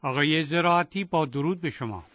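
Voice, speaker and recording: A man's voice: fairly high pitch, fairly bright tone, dry recording. A man presenting a radio program formally, introducing the reader.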